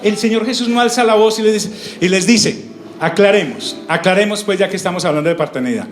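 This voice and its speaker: A man's voice: sits high, brisk, a little hiss or hum. A male pastor, preaching a sermon and teaching through call-and-response questions he answers himself. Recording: echoey room with faint ambience.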